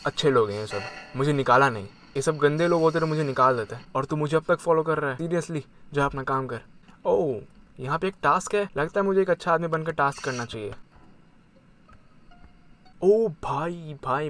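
Excitable young man gaming. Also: a little high. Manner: excitable, chatty, mixing Hindi and English. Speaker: gamer. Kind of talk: casual gaming commentary.

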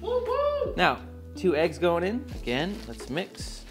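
A man's voice: high-pitched, takes it slowly, faint music behind. Upbeat man hosting a cooking tutorial. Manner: enthusiastic, playful asides, bursts of excitement. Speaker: cooking show host. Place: home kitchen, indoors.

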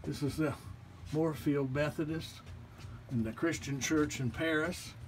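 A man's voice: a little high, unhurried, a little hiss or hum. A man, casually showing visitors around a small art gallery and pointing out paintings one by one. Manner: relaxed, folksy, pointing things out one by one. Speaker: artist giving a gallery tour. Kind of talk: casual walking tour narration. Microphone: handheld phone camera.

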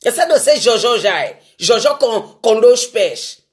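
A man's voice: very high-pitched, expressive, measured pace. A man giving a casual motivational rant, emphatic and repetitive, chiding his listeners with rhetorical questions. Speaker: vlogger giving life advice.

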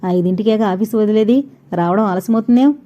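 Brief: narrator playing a scolding, stubborn mother-in-law in an audio novel, dark mellow tone, lo-fi. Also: medium pitch, fairly quick, natural voice. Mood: suspicious. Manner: blunt, scolding, refusing. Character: stubborn sharp-tongued older mother-in-law.

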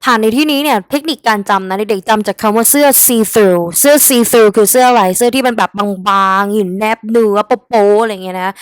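A young woman with a Thai accent teaches an English exam lesson in a chatty, familiar way, talking straight to her students. Her voice sits fairly high, and the sound is dry and close with no room echo. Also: clean tone. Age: young adult. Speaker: English tutor. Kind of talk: exam-prep vocabulary lesson.

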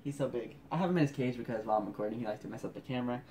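Talking very fast in a dark, mid-range voice, a man rambles through a late-night home vlog, keeping quiet so he won't wake the household. He jokes about himself as he scrolls through old pictures. The audio carries a little hiss or hum.

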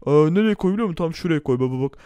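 A man's voice: a little high, animated, racing, dark tone, clear, resonant tone, no room sound, close to an everyday voice. A man playing a courteous, kind-hearted restaurant waiter in a game role-play. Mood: polite.

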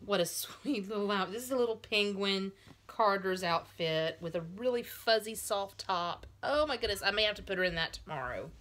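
A woman's voice: medium pitch, moderate pace, a bit bright. A woman in her thirties at home, casually unboxing a doll for a vlog and gushing over each tiny item. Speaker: doll collector vlogger. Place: at home with cat and child nearby.

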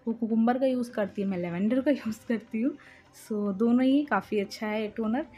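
A young woman narrating her makeup tutorial as a voice-over, speaking slowly and softly at night with a chatty, friendly manner. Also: a little high, slightly rough, soft background music. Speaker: beauty vlogger. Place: room in a house by a main road at night. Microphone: home voice-over recording.

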